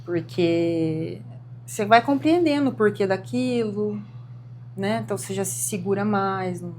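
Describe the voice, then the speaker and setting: A young woman co-hosting a podcast, chatting casually and earnestly, getting animated as she tells personal stories. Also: medium pitch, a little slow, a little hiss or hum. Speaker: podcast co-host. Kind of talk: casual chat.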